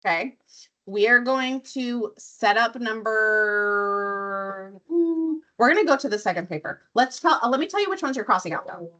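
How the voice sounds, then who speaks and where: A woman's voice: fairly high pitch, lively intonation, normal speed, a bit bright. A woman math teacher who is losing her voice from illness, walking a classroom through problems step by step and quizzing students as she goes. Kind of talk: classroom lesson.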